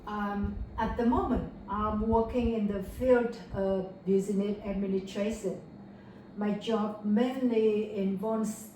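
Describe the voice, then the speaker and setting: In an echoey room, far from the mic with faint noise, a young test candidate from Vietnam responds to a mock speaking test. She uses careful, rehearsed English full of fillers and self-corrections, in a dark, mid-range voice.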